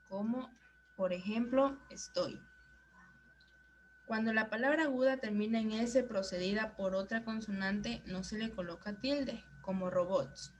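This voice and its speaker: A woman's voice: a little high, slight background noise, low-quality recording. Young woman reading a class presentation. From Ecuador. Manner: steady, careful reading of definitions and examples. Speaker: psychology student presenting. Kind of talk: read-aloud class presentation.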